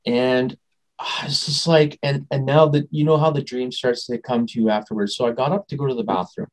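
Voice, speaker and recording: A man being interviewed as a guest, telling a personal story in a rambling, animated way and often trailing off and restarting. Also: medium pitch, fairly quick, rough recording. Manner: animated, acts out quoted dialogue.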